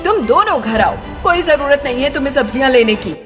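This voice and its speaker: A woman's voice: sits high, lively intonation, brisk, a bit bright. Fretful mother-in-law in echoing hall. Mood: dismayed. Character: worried middle-aged mother-in-law of two new brides. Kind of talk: Hindi animated moral-story acting. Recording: long reverb, background music.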